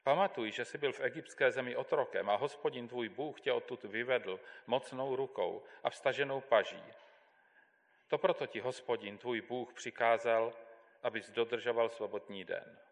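A man giving a measured, deliberate Bible reading as a scripture reader in a church. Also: medium pitch. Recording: long hall reverb.

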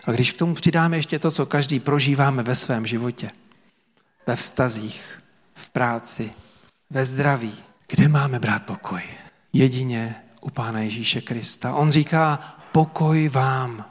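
A man preaching a sermon as pastor to a church congregation, earnest and emphatic with dramatic pauses. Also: mid-range voice, long reverb tail. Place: church service before about 300 people.

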